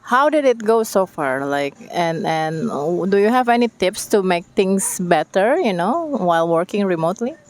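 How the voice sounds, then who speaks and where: A woman's voice: medium pitch, expressive, normal speed, hardly any pauses. A woman interviewing a guest outdoors by the beach, friendly and hesitant with many fillers. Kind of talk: casual interview.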